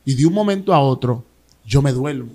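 A man with a Dominican accent giving an emotional personal testimony as an interview guest, telling his story in an animated way with restarts and repeated words. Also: mid-range voice, a little fast. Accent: Dominican Spanish.

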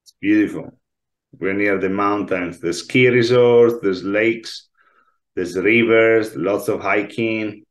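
A fairly low-pitched, slow-speaking Italian man in his forties chats as a guest chef in a relaxed interview. He is indoors at home, heard through a laptop mic on a video call.

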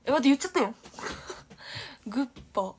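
A young woman from Aichi chats casually on a livestream in a slightly high voice, giggling as she reads viewer comments aloud. She often drops to a near-whisper. A faint hiss sits under the recording. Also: animated, moderate pace, darkish tone. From Aichi, Japan. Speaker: idol livestream host.

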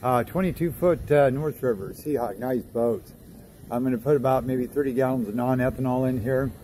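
A man's voice: medium pitch, moderate pace, dark tone, rough recording. A plain-spoken man walking around a boat outdoors, listing its parts and specs in a casual commentary. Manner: plain-spoken, rattles off specs and part names. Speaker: boat inspector walking through a boat. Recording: outdoor recording with clear street noise.

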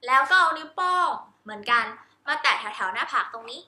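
A woman's voice: high voice, expressive, fairly quick, pushed and bright, reverberant. A woman teacher giving a cheerful lesson on baby sign language, demonstrating each sign while repeating English words. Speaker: homeschool teacher.

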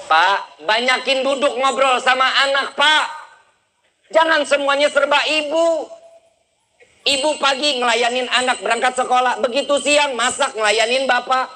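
A male preacher, giving a lively sermon and teasing the congregation with quick questions. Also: extremely high pitch, poor audio.

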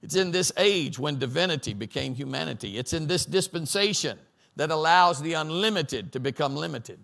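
A man's voice: fairly high pitch, animated, moderate pace, gravelly, fairly bright tone. A middle-aged man pastor preaching a sermon at a Bible study on a church stage, building lists to a crescendo and calling for responses from the audience.

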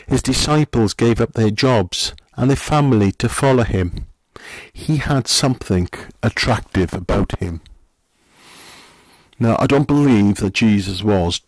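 A middle-aged male pastor with a fairly low voice, preaching in a gentle, questioning, conversational way. He is recorded up close in a dry space with no room echo. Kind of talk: sermon.

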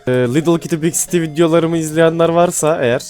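Excitable gaming commentator man. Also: a little high, fast talker. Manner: excitable, swears casually, drops to mumbling asides. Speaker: gaming YouTuber. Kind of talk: casual gameplay commentary. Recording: faint music behind.

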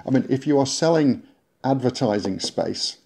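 A man speaking as a guest consultant in a conversational podcast interview, animated and acting out little quoted remarks. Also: mid-range voice, moderate pace, gravelly, husky. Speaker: guest consultant on workplace politics.

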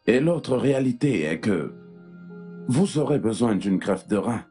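A man playing a serious hospital doctor in a dubbed film, explaining things slowly and patiently. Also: mid-range voice, lively intonation, dark tone, faint music behind, close to an everyday voice. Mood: grave. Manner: measured, explaining.

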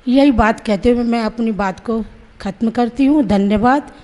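High-voiced woman in her 60s telling a story. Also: normal speed, a little mellow. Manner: earnest and vivid, acting out her own quoted words. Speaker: Sahaja Yoga practitioner giving a testimony. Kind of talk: personal testimony storytelling.

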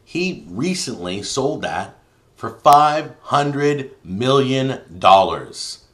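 A man hosting a live stream, giving his opinion to viewers in an emphatic way and getting louder and then muttering under his breath as he reads comments. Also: medium pitch, sing-song, very slow. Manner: opinionated, emphatic, swings between loud and muttering. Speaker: YouTube cooking show host.

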